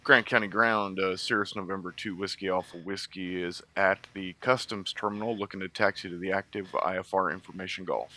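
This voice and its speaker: Low, bright-voiced pilot on a cockpit headset. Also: male voice, fairly even intonation. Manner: brisk, businesslike readbacks. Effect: pilot talking into a cockpit headset mic. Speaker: flight sim pilot making radio calls. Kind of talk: clipped aviation radio phraseology.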